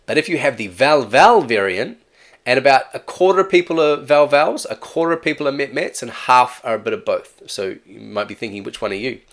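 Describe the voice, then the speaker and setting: A man's voice: medium pitch, expressive, fairly quick, a bit bright. A man with an accent giving a casual, chatty exam-prep lesson, often correcting himself and asking "right?". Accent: non-native or regional English accent. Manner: chatty, self-correcting, with frequent "right?" asides. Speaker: teacher.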